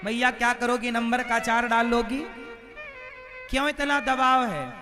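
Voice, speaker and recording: A man's voice: very high voice, measured pace. A man giving a devotional sermon to a live crowd, preaching and firing rhetorical questions at his listeners. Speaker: religious storyteller. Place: live religious gathering. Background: instrumental devotional music.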